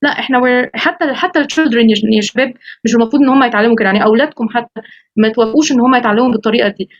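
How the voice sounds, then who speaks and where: An Egyptian-accented woman teaching English talks at a quick clip in a somewhat high, animated voice. Her voice comes through a video call with dull, lo-fi audio. The sound is dry and close. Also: no room sound. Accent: Egyptian Arabic. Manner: lively, quotes students in animated voices, switches into English phrases. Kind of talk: online course orientation talk.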